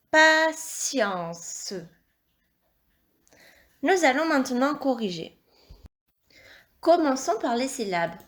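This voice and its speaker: A woman teacher giving a dictation lesson to young children, speaking slowly and articulating each syllable with encouraging instructions. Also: high-pitched. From France. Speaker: primary school teacher.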